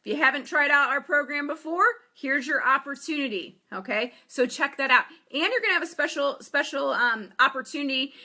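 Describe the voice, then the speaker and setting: A woman fitness coach giving an upbeat promotional pitch, repeating herself and checking in with "okay?". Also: brisk, hardly any pauses, sharp tone. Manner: repetitive, upbeat, emphatic with frequent "okay?". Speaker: fitness coach and gym owner.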